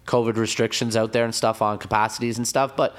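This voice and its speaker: Hoarse man, slangy and low. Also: little pitch movement, fast talker. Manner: slangy, hyped, full of shout-outs. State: hoarse, raspy throat. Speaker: DJ guest. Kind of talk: casual podcast chat.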